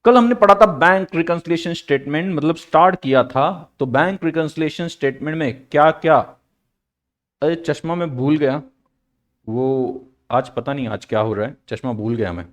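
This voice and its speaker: A man's voice: fairly high pitch, moderate pace. A man teaching accounts in a live online lecture, playful and joking, with English phrases mixed in.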